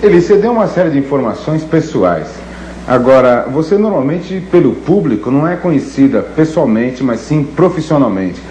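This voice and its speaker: A man's voice: a little high, sing-song, normal speed, dark tone, a little hiss or hum. Courteous male TV interviewer in an echoey studio. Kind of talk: formal broadcast interview questions. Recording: echoey 1970s TV studio audio.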